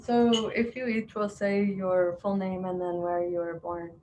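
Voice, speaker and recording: A woman leading a casual video-call chat who laughs often and talks in a relaxed way with restarts. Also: medium pitch, unhurried, a little hiss or hum, poor audio. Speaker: divination facilitator and translator.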